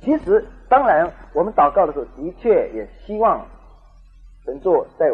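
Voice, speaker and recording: A man preaching a sermon, telling a story in an animated way and acting out the dialogue. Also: a little high, moderate pace, breathy edge, phone-quality sound. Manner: animated, acts out dialogue, laughs at own story.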